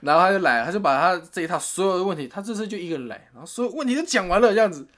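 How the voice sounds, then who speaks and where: In a casual chat, a high-pitched man talks fast as he animatedly retells a story, quoting voices and laughing along the way.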